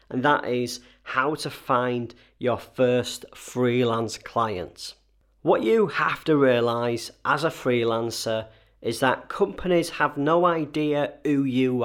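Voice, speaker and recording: A man with a slightly wheezy, chesty voice, getting over a cold, hosting a conversational solo advice episode with emphatic key points. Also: medium pitch. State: recovering from a cold and chest infection. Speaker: host advising freelancers.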